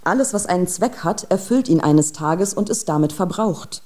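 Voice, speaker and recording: A brooding woman scientist musing aloud, voiced by a woman in a radio play. Her voice sits a little low and sounds mellow and warm. She muses in a slow, philosophical way. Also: lively intonation, natural voice. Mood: pensive. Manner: pensive, philosophical monologue. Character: brooding adult woman scientist, grieving an absent lover. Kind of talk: radio drama.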